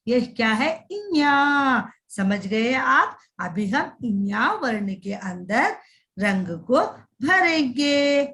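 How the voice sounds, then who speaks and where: A woman's voice: on the high side, expressive, slow pace, a bit bright. A woman teaching young children in a recorded lesson voice-over, drawing out words in a sing-song way and repeating them.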